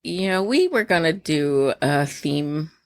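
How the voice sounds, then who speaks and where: Brief: low-pitched woman co-host, deadpan and teasing, dry close sound. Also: slow pace, dry recording. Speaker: podcast co-host. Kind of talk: casual chat.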